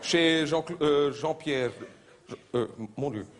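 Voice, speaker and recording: On a theater stage before a live audience, a Belgian man performs stand-up comedy, mocking and conversational, sometimes shouting in put-on voices. His voice is fairly high and he takes his time. The live recording carries crowd noise, laughter and applause.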